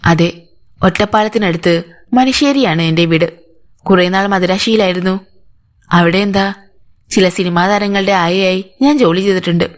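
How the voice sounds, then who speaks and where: A woman's voice: mid-range voice, normal speed, long pauses, lightly acted. A woman voicing an older housemaid who gives anxious, defensive answers to police. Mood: pleading. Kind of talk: audiobook character voice.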